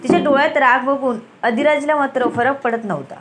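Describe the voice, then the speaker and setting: A woman's voice: high voice, brisk, slight background noise. A woman reading a romance story aloud, acting out the characters' dialogue. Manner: acts out the dialogue, switching voices between characters.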